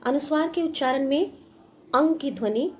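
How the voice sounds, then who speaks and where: A woman teacher giving a grammar lesson to a class, patient and steady. She asks her students questions and then answers them herself, dropping in English words. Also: high voice, normal speed, a little hiss or hum. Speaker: school teacher.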